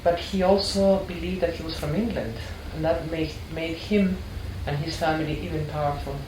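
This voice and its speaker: Heard from a distant mic in an echoey, noisy room, an older woman from Ecuador recounts her years teaching art history. Her low voice keeps a steady tone and a moderate pace. She is earnest and reflective, often restarting as she tells her story.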